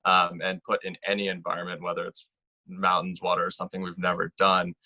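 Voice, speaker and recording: Deep, flat-voiced young man, earnest. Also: a little fast, no room sound. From Texas. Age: 20s. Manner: earnest, repeats words often. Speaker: team member. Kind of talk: casual team introduction.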